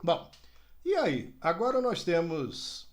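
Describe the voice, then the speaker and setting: A man teaching an English lesson to learners, lively and direct, slowing down to model phrases. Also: on the high side. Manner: addresses learners directly, frequent "né?" and "ó". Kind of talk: video language lesson.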